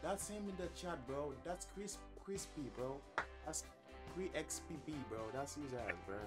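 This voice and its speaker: Joking male streamer, lively voice, music behind. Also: fairly high pitch, unhurried. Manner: joking, trolling banter with strangers. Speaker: streamer doing random video chats. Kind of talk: casual chat.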